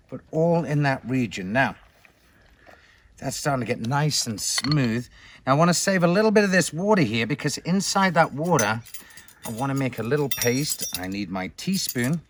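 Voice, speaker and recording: A man hosting a cooking demonstration, talking in a showy way and swinging between loud announcements and hushed asides. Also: medium pitch, expressive, unhurried, slight background noise. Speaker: cooking show host.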